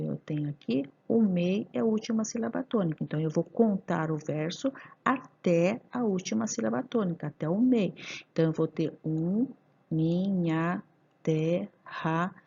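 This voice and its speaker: A woman teaches a recorded literature lesson. Her voice is mellow and gravelly with a slight rasp, and she slows down to sound out lines of verse syllable by syllable. The audio is dull and lo-fi. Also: medium pitch.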